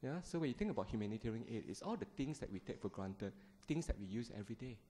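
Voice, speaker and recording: A man in his thirties from Malaysia, giving a gentle, conversational Buddhist talk to a seated group, speaking into a handheld microphone in a temple hall. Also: medium pitch, lively intonation, fast. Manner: gentle, conversational, with frequent fillers and small laughs. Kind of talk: Dharma talk to a seated audience. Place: temple hall, indoors, seated on the floor before a shrine.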